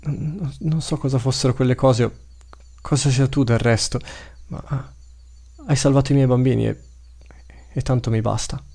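A man's voice: medium pitch, expressive, moderate pace, few pauses, dark tone, voice pushed up, lightly acted. A man voicing a breathless, tearful mother who speaks with a trembling voice in a storybook reading. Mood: grateful. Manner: trembling, emotional.

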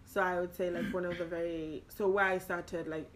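A young woman with a somewhat low voice chats casually on a podcast, hesitating and filling pauses as she searches for words. A faint hiss sits under the recording. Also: level tone, poor audio. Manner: hesitant, many fillers, breaks into laughter. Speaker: podcast co-host. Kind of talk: casual chat.

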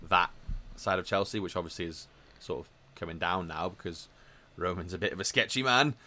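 Guy chatting football on a podcast, lowish voice, jokey asides. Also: a little fast, pushed and bright. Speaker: podcast co-host. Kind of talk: casual chat.

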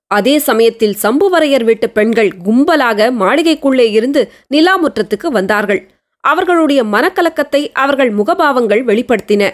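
Woman narrating a historical audiobook. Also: on the high side. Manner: steady storytelling.

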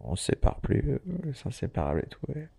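A man's voice: low-pitched, huge pitch swings, fast, creaky, mellow, husky. A man recording a casual audio diary from a hospital, rambling, swearing often and laughing as he talks. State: hospital patient. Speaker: podcast host.

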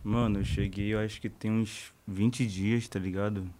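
A man's voice: lowish voice, steady tone, normal speed, warm tone, slight background noise. A Brazilian man, a podcast guest, chatting casually in a laid-back, slangy way. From Brazil, born in Salvador, raised in Manaus. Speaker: guest, rapper.

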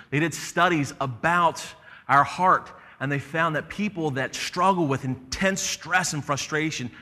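A man preaching a sermon as pastor, animated and conversational, acting out the voices in the story he tells. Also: a little high, big-room sound.

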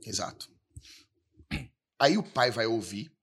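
A man, a pastor chatting on a podcast, telling stories with animated repetition for emphasis. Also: mid-range voice, slow pace. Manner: animated storyteller, repeats lines for emphasis. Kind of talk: casual podcast chat.

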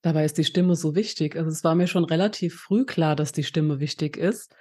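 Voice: medium pitch, steady tone, brisk, darkish tone, breathy edge. A podcast host interviewing a guest and sharing thoughts in a reflective, conversational way.

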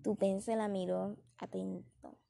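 Husky, gravelly woman reading a story. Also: mid-range voice, level tone, takes it slowly, warm tone. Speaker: narrator.

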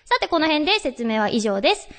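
Lively high-voiced woman radio host. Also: fairly quick. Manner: chatty storyteller, reads listener mail. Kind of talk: radio talk show chat.

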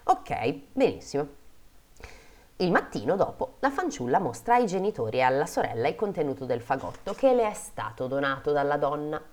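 A woman's voice: deep voice, sing-song, moderate pace, darkish tone. A woman hosting a podcast, reading fairy tales aloud and breaking off into playful, jokey asides. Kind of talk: storytelling read-aloud with casual asides.

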